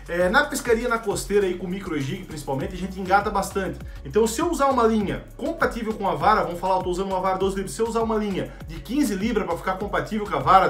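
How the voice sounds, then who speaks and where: A man's voice: high voice, a bit bright. A young man hosting a fishing shop channel, chatting casually to camera about his gear and often checking in with viewers. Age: young adult. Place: indoor studio in front of a rod rack. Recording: echoey room with faint music.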